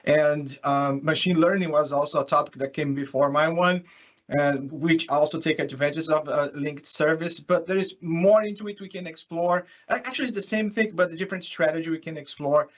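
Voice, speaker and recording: The voice is a little high and a little fast: a Portuguese-speaking consultant from Brazil, using English with a Brazilian accent. His online conference talk, given remotely from California, is informal and chatty with frequent chuckles, captured in dull lo-fi call audio.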